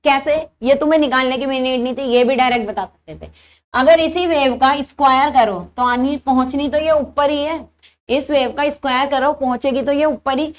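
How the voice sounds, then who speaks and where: Young woman teacher, high voice, walks thru the math step by step and asks herself questions. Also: fairly even intonation, moderate pace. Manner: explains step by step, asking and answering her own questions. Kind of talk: engineering lecture.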